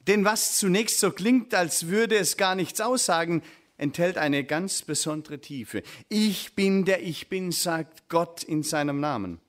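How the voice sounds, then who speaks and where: A man preaching a sermon, reading scripture slowly and then explaining it in a conversational way to his congregation. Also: on the high side, fairly bright tone.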